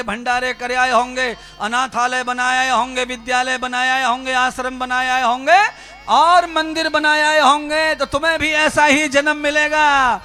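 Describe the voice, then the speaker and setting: A fervent male preacher with a strikingly high, bright, ringing voice delivers a spiritual discourse. He talks straight to his listeners with rhetorical questions. Faint music plays behind him. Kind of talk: Hindi religious discourse.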